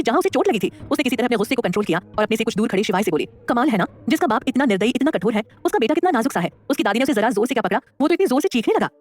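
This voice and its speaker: A woman narrating a dramatic audio story in a lively way, voicing the characters. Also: on the high side.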